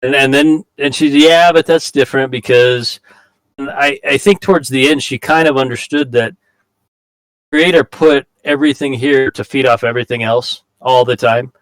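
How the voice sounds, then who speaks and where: A man's voice: medium pitch, fairly even intonation, normal speed, dry recording, poor audio. Reflective American man telling stories. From United States. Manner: reflective, tells stories, frequent restarts. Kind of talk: casual round-table discussion.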